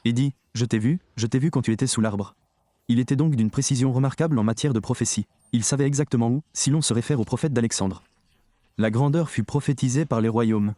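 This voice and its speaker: A man delivers a sermon with emphasis, addressing the listeners head-on. His voice is dark and mellow, recorded dry and close with no room sound. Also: mid-range voice, a little fast, dry recording. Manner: emphatic, addresses the audience directly. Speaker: preacher.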